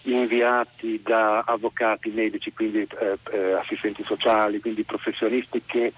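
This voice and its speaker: A middle-aged man from Turin calling in by phone to a talk radio show. He works as a counselor for violent men and explains things in a measured way, with frequent "eh" pauses. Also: on the low side, little pitch movement, slightly rough, rough recording. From Turin, Italy. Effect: phone caller heard over the radio.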